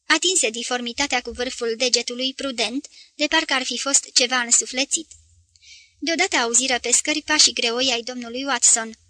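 A woman narrating a novel as an audiobook reader, in an even, measured reading. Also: sits high, no echo. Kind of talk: scripted literary narration.

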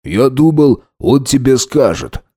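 A man's voice: medium pitch, big pitch swings, slow, dark tone, husky, dry recording, studio quality, full character voice. A man voicing a loyal young friend who speaks earnestly and soothingly in an audiobook reading.

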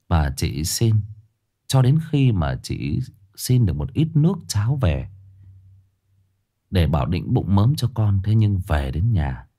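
A man telling a tragic true story to his listeners in a casual spoken style, with sudden high emphatic bursts and low somber drops. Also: mellow. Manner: addresses listeners directly, casual with restarts.

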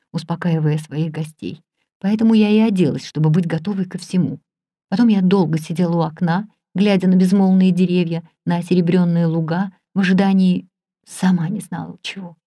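A woman reading a novel aloud in the first person, dramatic and expressive. Her voice is dark and mellow. The sound is dry and close. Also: fairly low pitch, dry recording. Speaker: audiobook narrator. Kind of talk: scripted narration.

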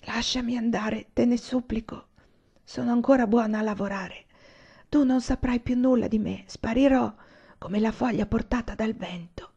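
A woman voicing a desperate young woman who pleads in hushed whispers, as whispered role-play. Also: on the high side, steady tone, moderate pace, creaky, husky, voice pushed up. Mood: begging. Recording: dull lo-fi recording.

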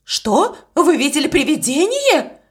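A flustered, easily upset cook, as a woman reader plays her from a storybook. She talks breathlessly and indignantly, in a high, loud, swinging voice. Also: big pitch swings, measured pace. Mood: outraged.

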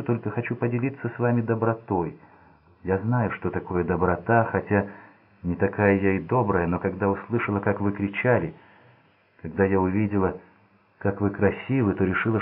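A man's voice: lowish voice, normal speed, breathy edge. A man reading the lines of a fussy, anxious, kindly aging bearded lady who rambles and gushes, in a storybook. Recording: phone-like narrow band.

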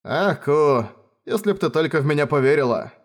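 A man's voice: a little high, animated, a little fast, natural voice. A man voicing a theatrical young man who dreams of writing novels. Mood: excited. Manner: theatrical, gushing.

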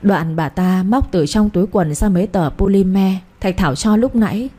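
A woman reads a romance novel aloud in steady, dramatic scripted narration. Her voice is mellow and a little husky. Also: medium pitch, moderate pace. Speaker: audiobook narrator.

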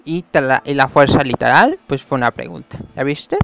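A man's voice: mid-range voice, lively intonation, normal speed, gravelly, fairly bright tone, a little hiss or hum. A young man telling a rambling, gossipy story as a vlogger. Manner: rambling and gossipy, full of fillers and tag questions. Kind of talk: casual storytelling.

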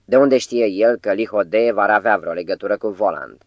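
Narrator: man, low-pitched, dry studio sound, measured literary reading. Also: no room sound, highs cut off. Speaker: audiobook narrator.

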